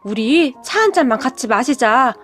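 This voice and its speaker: A woman voicing a pleading, destitute middle-aged birth mother who speaks slowly and begs. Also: high-pitched, expressive, a bit bright. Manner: pleading, slow and drawn out.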